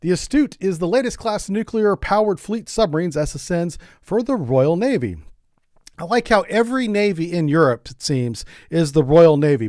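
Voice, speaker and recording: A man's voice: a little high, a little mellow, dry recording, clean studio sound. A middle-aged man from the United States streaming a game in a casual, rambling, joking way, often repeating words as he goes. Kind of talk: casual gameplay commentary.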